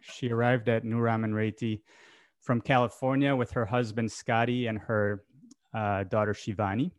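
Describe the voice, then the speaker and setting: Low-voiced male podcast host. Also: level tone, no echo, studio quality. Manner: friendly, unhurried questions with fillers. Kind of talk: podcast interview.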